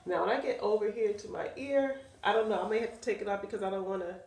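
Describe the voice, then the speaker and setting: A woman's voice: medium pitch, fast, a little mellow. Woman, stuffy nasal voice, chatty how-to vlog, roomy echo. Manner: chatty, talks to viewers while working. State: stuffy, nasal from sinus trouble. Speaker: wig seller demonstrating a wig install. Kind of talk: casual how-to vlog chat.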